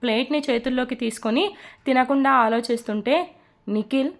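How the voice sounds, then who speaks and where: A woman narrating a romantic story in a steady, expressive reading voice. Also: high voice, fairly quick.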